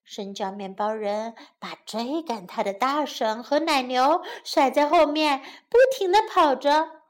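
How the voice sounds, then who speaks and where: A woman narrating a bilingual children's storybook in a clear storytelling manner. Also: sits high, measured pace.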